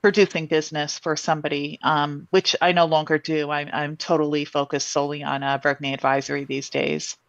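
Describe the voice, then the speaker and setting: A woman with a low voice answers interview questions, stopping often to restart her sentences. Her sound is dull and muffled, and the room is dry and close. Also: little pitch movement, brisk, hardly any pauses, no echo. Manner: thoughtful, many ums and restarts. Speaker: guest, insurance executive.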